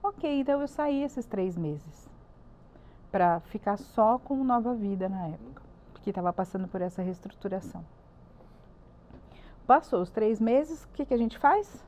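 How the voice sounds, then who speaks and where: A woman's voice: medium pitch, lively intonation, measured pace, long pauses, a little mellow. A woman with a Brazilian Portuguese accent, a church ministry leader giving an earnest, emphatic personal testimony as a podcast guest. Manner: earnest and emphatic, repeats words for stress.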